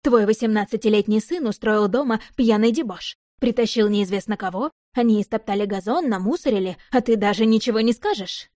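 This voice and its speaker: A woman's voice: a little fast, hardly any pauses, darkish tone, no echo, lightly acted. A woman voicing a distraught middle-aged mother who scolds her son, reproachful and close to tears. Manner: shrill, reproachful, near tears.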